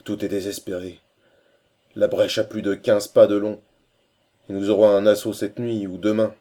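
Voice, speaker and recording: A man voicing a proud, wounded old prince who speaks gravely and solemnly in an audiobook reading. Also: lowish voice, level tone, moderate pace, dark tone, close to an everyday voice.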